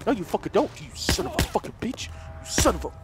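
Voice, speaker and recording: A man hosting a gaming video, giving frantic gameplay commentary, excitable, shouting and cursing at the game. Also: high-pitched, quick pace, over loud music.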